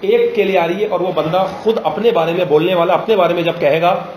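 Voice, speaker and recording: A man teaching a grammar lesson in a classroom, pausing often to ask students questions and slowing down on examples. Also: sits high, steady tone, darkish tone, slight background noise. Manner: drills students with frequent check questions; slows down to spell out example phrases. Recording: roomy classroom echo.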